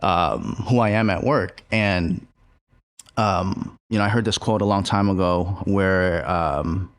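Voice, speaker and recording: A chef and restaurant co-owner talking in a casual podcast conversation, reflective and halting with many fillers and restarts. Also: male voice, sits low, no echo, clean studio sound.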